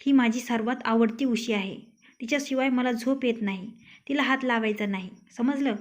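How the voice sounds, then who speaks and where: A woman's voice: fairly high pitch, moderate pace, lightly acted. A woman voicing a rude, arrogant young husband in a storybook tale, speaking in a taunting, scolding way. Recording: dull lo-fi recording.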